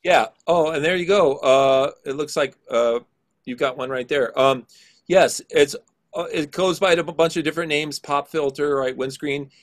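A middle-aged man with a low voice teaches an online class over a video call at normal speed. He explains things casually, using lots of filler words.

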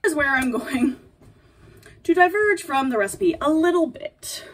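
A woman's voice: high voice, animated, a little slow, pitched above the performer's own voice. A young woman playing a playful, sassy princess hosting a comedic baking tutorial, with dry asides and a mock-dainty manner. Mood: playful, flustered. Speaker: baking video host. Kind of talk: comedic in-character cooking tutorial. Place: small home apartment kitchen, indoors. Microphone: camera a few feet away. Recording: distant kitchen camera microphone.

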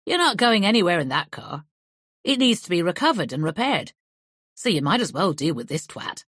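A woman voicing a blunt gruff male inspector. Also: fairly low pitch, sing-song, moderate pace, fairly bright tone, no echo, studio quality, heavily acted. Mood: curt. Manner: curt, dismissive.

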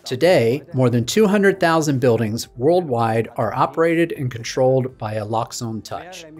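Male presenter, 30s, polished keynote delivery, mid-pitched voice, light music under. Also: darkish tone. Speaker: product presenter. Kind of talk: scripted product keynote. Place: studio stage with dark backdrop.

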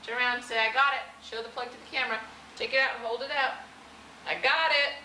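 A woman's voice: fairly high pitch, fairly even intonation, fast talker, pushed and bright, roomy sound, a little hiss or hum, poor audio. A woman coaxing and playfully questioning her toddler during a family home video, heard on old camcorder audio. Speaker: mother filming with her children.

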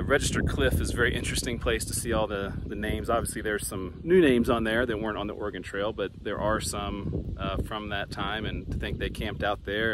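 A man's voice: fairly low pitch, noisy background. A man in his thirties making a casual travel vlog, talking to a camera held at arm's length, easygoing and thinking aloud with fillers and restarts. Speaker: travel vlogger. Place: in a car, then outdoors on open prairie. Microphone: handheld camera at arm's length.

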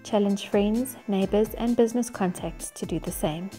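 A woman's voice: mid-range voice, moderate pace, dark tone, soft background music. A woman with a South African accent reading scripted church announcements.

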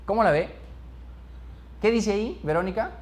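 A man's voice: high-pitched, normal speed, a little hiss or hum. A man teaching a speed-reading class, asking the group question after question and filling his talk with short tag questions. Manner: animated, questions the group over and over; peppers speech with "¿ya?" and "¿no?". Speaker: speed-reading course instructor. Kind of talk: interactive classroom lesson.

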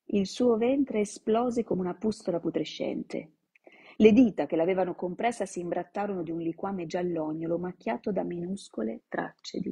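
A woman narrating a novel aloud in a slow, dramatic storytelling manner, live from home. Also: lowish voice, creaky, dark tone, breathy edge. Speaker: reader. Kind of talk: dramatic audiobook-style reading.

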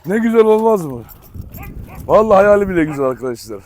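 A man's voice: sits high, big pitch swings, fast, a little mellow. A man, a dog breeder hosting a vlog, chatting casually to his viewers and calling to his dogs in an outdoor kennel yard. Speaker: dog breeder and channel host.

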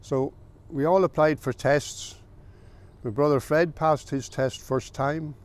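An older farmer from County Meath in the south of Ireland recounts his story for an oral history, plain and unhurried, with filler pauses. His voice is on the high side with fairly even intonation.

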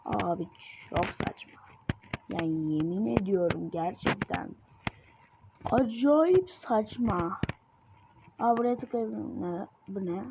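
A woman giving excitable gameplay commentary, full of exasperated outbursts at the game. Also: mid-range voice, slow pace, gravelly, pauses often. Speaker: gamer. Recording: tinny lo-fi mic with noise.

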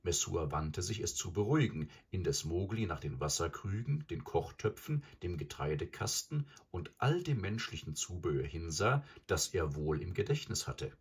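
Very husky deep-voiced man reading a story. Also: normal speed, hardly any pauses. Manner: expressive storytelling. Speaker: narrator.

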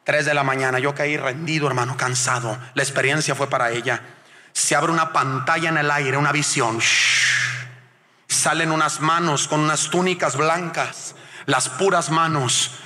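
A middle-aged man from Mexico, preaching a testimony sermon as a guest evangelist, calling his listeners "brother" again and again and moving between hushed storytelling and shouted exhortation. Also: fairly high pitch, fairly even intonation, moderate pace. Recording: long hall reverb.

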